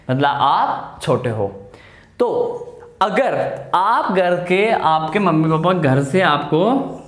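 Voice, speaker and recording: A male biology teacher giving an exam-prep lecture, asking his class questions and answering them himself, repeating key terms and using homely examples. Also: high voice. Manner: explains with homely everyday examples in a coaxing tone. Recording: echoey room.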